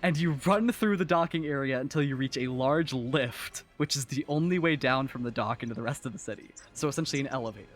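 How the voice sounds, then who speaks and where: A man's voice: mid-range voice, quick pace, hardly any pauses, faint music behind. A man narrating a tabletop game as game master, talking loosely with lots of fillers. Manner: animated, filler-heavy, lots of "like".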